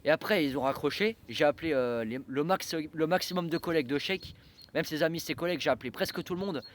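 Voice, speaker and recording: Rambling young man vlogging, fairly high voice. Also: fast, a little hiss or hum. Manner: rambling, hesitant, many fillers and restarts. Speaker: train-spotting vlogger. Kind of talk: casual vlog monologue.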